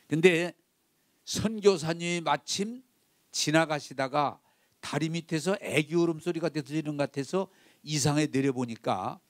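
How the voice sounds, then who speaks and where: Preaching a sermon, this male pastor addresses the congregation head-on while telling an emotional story. He has a mid-range voice, recorded cleanly at studio quality without any echo.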